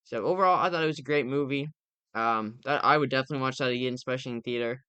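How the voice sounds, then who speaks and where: A young man chats through his recent movie picks as a podcast co-host, opinionated and rambling with plenty of fillers. His voice is bright and crisp. It sits close and dry on the mic. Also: mid-range voice, very fast, dry recording, lo-fi sound. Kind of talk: casual movie review chat.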